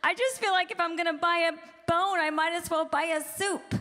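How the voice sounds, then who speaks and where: A woman's voice: extremely high pitch, fairly even intonation, a little fast, pushed and bright. A woman in her forties doing a chatty, self-deprecating stand-up comedy set at a conference on a handheld microphone. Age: 40s. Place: women's conference hall. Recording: reverberant hall sound.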